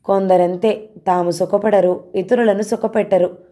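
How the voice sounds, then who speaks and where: A woman's voice: mid-range voice, fairly even intonation, measured pace, mellow, close to an everyday voice. A woman voicing a flirtatious, self-pitying middle-aged married man who sighs about his life.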